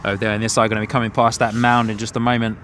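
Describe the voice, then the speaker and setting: A man's voice: fairly low pitch, little pitch movement, racing, a bit bright. A man from England with a New Zealand twang in his English accent, chatting casually to viewers and commentating live as a plane-spotting host. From Hertfordshire, England. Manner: chatty, thanks and greets viewers by name. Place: outdoors on a van-top platform by an airport. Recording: outdoor airport ambience, clear vehicle noise.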